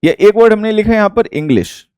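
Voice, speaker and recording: An English teacher from India with an Indian accent, explaining a lesson slowly and repeating each point. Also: male voice, high-pitched, animated, darkish tone, clean tone, no room sound.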